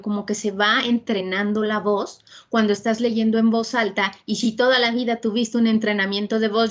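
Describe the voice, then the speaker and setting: A woman with a Mexican accent asking questions as an interviewer on a video call, rambling and thinking aloud. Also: medium pitch.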